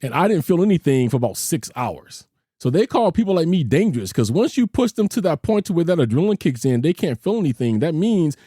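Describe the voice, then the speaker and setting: A middle-aged man tells a personal story on his podcast, blunt and colloquial, acting out what people said. His pitch moves a lot, rising and falling with each turn of the story. The sound is dry and close, with no room around it. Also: dry recording. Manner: animated, acts out quoted voices. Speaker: podcast host.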